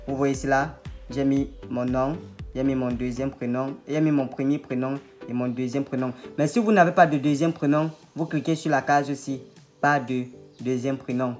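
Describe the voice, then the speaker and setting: A man explaining a computer tutorial step by step over a screen recording. He talks patiently and repeats steps to make them clear. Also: medium pitch, steady tone, moderate pace, darkish tone, faint music behind. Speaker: online tutorial host.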